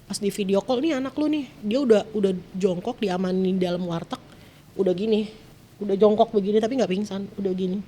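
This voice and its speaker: A woman's voice: mid-range voice, steady tone, brisk, mellow. A woman, a guest telling her own story in short clipped phrases, distressed and close to tears at times, her voice jumping up whenever she quotes someone. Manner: retells events in short clipped phrases, voice jumping up when quoting. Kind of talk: emotional personal storytelling.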